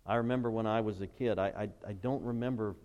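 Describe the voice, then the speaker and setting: A middle-aged man preaching a sermon as pastor, emphatic, rising to loud bursts and reading scripture aloud. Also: lowish voice, fairly even intonation, quick pace, highs cut off. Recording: long reverb of a large church hall.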